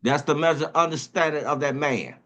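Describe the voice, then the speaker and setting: A man's voice: fairly high pitch, a little fast, bright, forceful tone. A man leading a Bible study discussion, explaining verses emphatically and repeating his points, then telling the others to read on.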